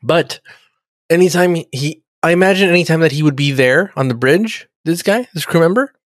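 A man's voice: on the high side, moderate pace, dry recording, clean studio sound. A man in casual podcast chat, recapping an episode in a rambling, profane way and calling everyone "dude". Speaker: podcast co-host.

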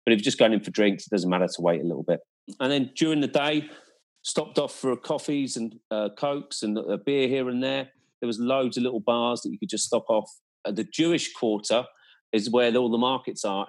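In a relaxed, conversational chat, a medium-pitched man describes his time as a guest with enthusiasm, vivid detail and plenty of emphasis.

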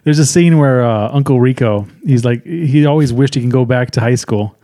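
A man's voice: mid-range voice, moderate pace, mellow. A man co-hosting a movie review podcast, casually retelling scenes in a rambling way with lots of fillers. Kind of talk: casual chat.

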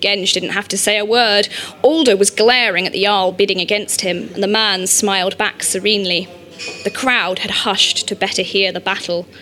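A woman reading an audiobook, narrating in a measured, steady storytelling manner. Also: mid-range voice.

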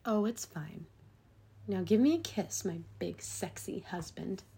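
A woman's voice: medium pitch, expressive, measured pace, gravelly, very noisy. A woman playing a lovestruck bride who keeps asking her new husband for kisses. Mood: cooing.

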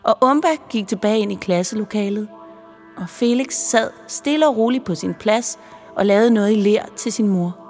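A woman reading a children's story aloud, expressive and playful. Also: mid-range voice. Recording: long reverb with music behind.

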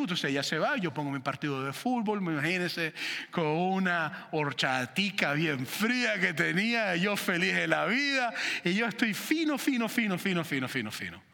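Lively pastor preaching in reverberant church. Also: male voice, on the high side, gravelly. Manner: animated storytelling, questions to the congregation. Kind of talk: sermon.

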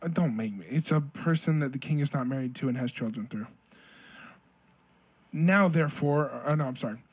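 Husky man reading scripture on a podcast. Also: mid-range voice, normal speed, dull audio. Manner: reads King James verses aloud, then paraphrases them jokingly. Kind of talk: casual Bible reading and discussion.

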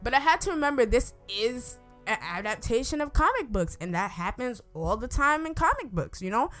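A woman giving a casual, unscripted review, her words slightly slurred by braces and rubber bands as she tells it in an animated, emphatic way. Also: fairly high pitch, normal speed, faint music behind. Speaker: movie reviewer.

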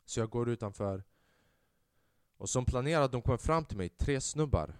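Animated young man telling a story. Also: clear, resonant tone, dry recording, clean studio sound. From Sweden. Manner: animated, swings from loud outbursts to low mutters; mixes in English slang and swearing. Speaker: podcast host. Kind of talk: casual storytelling.

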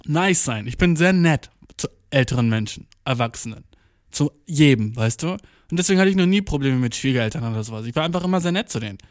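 A man's voice: medium pitch, animated, fast, no echo, studio quality. A young man in a casual monologue, talking slangy and swearing a lot, with English words mixed in. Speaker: vlogger.

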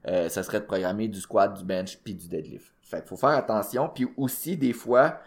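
At a moderate pace and a lowish pitch, a Québécois man talks training on the fitness podcast he co-hosts. A powerlifting coach, he keeps it casual, with plenty of filler words and gym terms borrowed from English.

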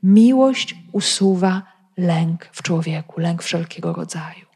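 Woman, Bible teacher, spoken commentary, rhetorical questions, speaks to listeners directly, lower voice. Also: a little slow, creaky, slightly rough. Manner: explanatory, asks many rhetorical questions; addresses listeners directly and warmly.

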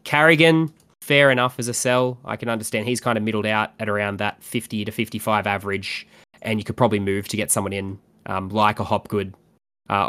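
Lowish-voiced Antipodean man chatting sport. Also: fairly bright tone, smooth. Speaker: podcast co-host. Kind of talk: casual sports fantasy chat.

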